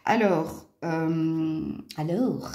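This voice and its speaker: A woman's voice: low voice, drawn-out words, dark tone. A woman with a Franche-Comté accent giving a casual tarot and astrology reading from home, chatty and full of little exclamations and hein tags. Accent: Franche-Comté French. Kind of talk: casual card reading for viewers. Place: at home near a window. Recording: roomy echo.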